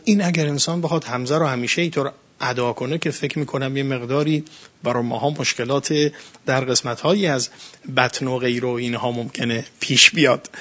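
A middle-aged man giving a religious lecture on the Quran, earnest and emphatic, with sudden rising bursts and slow, stressed phrases. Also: medium pitch.

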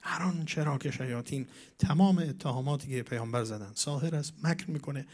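A man giving a religious lecture as a preacher, reciting Arabic verses and Persian verse, with dramatic swings between soft and loud. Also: medium pitch.

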